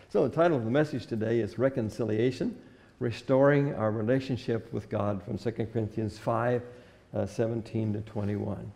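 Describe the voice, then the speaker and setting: A man's voice: mid-range voice, gravelly, warm tone, big-room sound. An older man preaching a sermon from a church pulpit in an earnest, old-fashioned way, reading scripture aloud. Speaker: pastor. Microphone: stand microphone at the pulpit.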